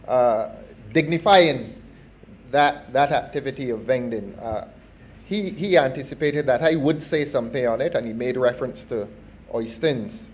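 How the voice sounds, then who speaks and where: A middle-aged man with a Barbadian accent gives a formal parliamentary speech, measured and deliberate, often restarting his phrases. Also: mid-range voice, a little mellow. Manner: measured and formal, with repeated false starts. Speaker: member of parliament.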